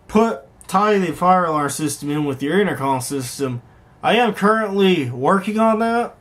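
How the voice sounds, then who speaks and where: A hobbyist vlogger hosts a casual, unscripted show-and-tell, rambling conversationally and frequently correcting himself. His voice is on the high side with a fairly bright tone.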